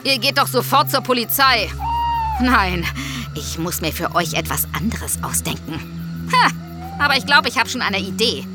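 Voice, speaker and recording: A woman's voice: fairly high pitch, sing-song, moderate pace, music in the background. A woman playing a scheming, mocking and threatening criminal in a children's audio drama, with theatrical delivery. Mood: threatening, scornful. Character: scheming, menacing female criminal, annoyed and boastful.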